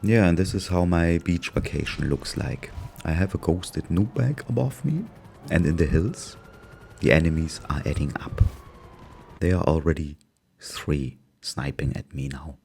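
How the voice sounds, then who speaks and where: Gamer guy voice-over, German accent, deep and gravelly, wry and sarcastic, slight hiss behind. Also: measured pace, darkish tone. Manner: dry, amused, sarcastic. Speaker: gaming YouTuber narrating gameplay. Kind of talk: casual gameplay commentary.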